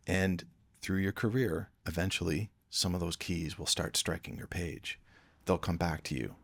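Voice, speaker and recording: Man, Canadian upbringing, deep and gravelly, close and dry; earnest, reflective guest on a podcast. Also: no room sound. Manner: earnest, reflective, repeats words as he thinks. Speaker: podcast guest, music producer. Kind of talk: casual podcast conversation.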